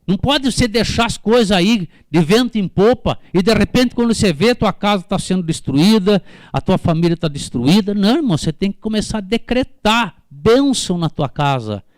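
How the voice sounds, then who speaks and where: Brazilian man, pastor, fervent sermon, high voice, very lively swings, dry close sound. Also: normal speed, few pauses, dry recording. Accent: Brazilian Portuguese. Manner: fervent preaching, questions the congregation by name. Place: church service.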